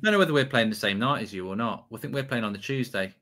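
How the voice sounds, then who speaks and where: A man's voice: mid-range voice, expressive, fast talker, bright, forceful tone. A man hosting a football watch-along, chatting casually about the live match and repeating phrases for emphasis. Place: indoor desk streaming setup.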